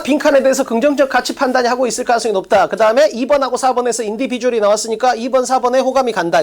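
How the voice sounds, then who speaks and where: In an online lecture, an English exam-prep teacher with a mid-range voice coaches students using quick rhetorical questions, keeping things casual and plainly classroom-like.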